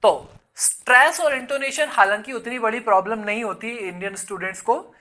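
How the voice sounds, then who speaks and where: Bright, chatty male exam teacher. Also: very high-pitched, normal speed. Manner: chatty, mixes English words into Hindi, calls viewers "son". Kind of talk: casual online lesson. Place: in Hyderabad.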